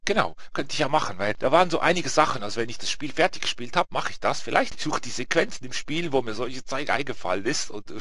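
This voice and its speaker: A male gamer chatting casually to his viewers, rambling with many restarts and tag questions. His pitch leaps around lively, his tone is bright and forceful, and the close-mic'd, dry sound keeps him right at the ear. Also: no echo. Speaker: let's play gamer.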